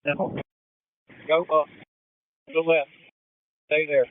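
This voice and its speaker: A man's voice: fairly high pitch, level tone, measured pace, no echo. A male firefighter giving terse emergency instructions over a two-way radio. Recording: thin narrow-band radio transmission.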